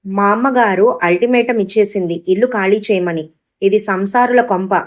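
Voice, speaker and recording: A woman's voice: medium pitch, normal speed, lightly acted. A woman reading the part of a scornful young mistress with cutting retorts.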